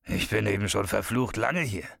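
A man's voice: fairly low pitch, moderate pace, gravelly, a bit bright, no room sound, clean studio sound. A man voicing a brash, foul-mouthed, half-drunk bearded leprechaun in an audiobook. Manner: brash, cursing, swaggering. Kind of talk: audiobook character voice.

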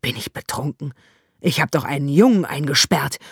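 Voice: medium pitch, animated, normal speed, husky, no room sound, clean studio sound. A narrator voicing a flustered, complaining male jailer in an audiobook. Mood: bewildered. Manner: complaining, bewildered. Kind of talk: audiobook character voice.

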